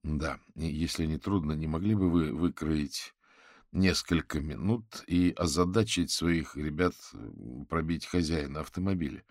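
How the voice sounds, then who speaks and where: Male reader as a deep, calm, dry detective sorcerer; unhurried. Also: no room sound, full character voice.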